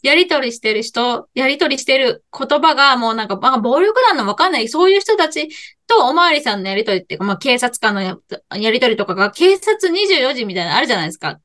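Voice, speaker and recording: A middle-aged woman chats on a podcast in a high, bright voice that leaps up and down. She talks fast and tells her story with animated energy, laughing along the way. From Tokyo, Japan. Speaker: podcast co-host. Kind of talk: casual chat.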